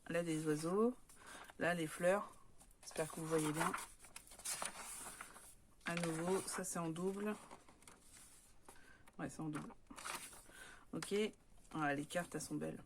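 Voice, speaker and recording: A woman's voice: low voice, steady tone, slow, long pauses, noisy background. A woman from France chatting casually as she shows off craft papers, with many hesitant fillers. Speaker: scrapbooking vlogger.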